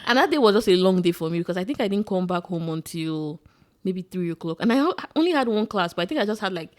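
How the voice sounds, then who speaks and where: A young woman with a Nigerian accent co-hosts a casual podcast, telling long stories packed with filler words. She talks at a fast clip, with a pitch that sits right in the middle. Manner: rambling, animated storytelling with many "like"s. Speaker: podcast co-host. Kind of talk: casual chat.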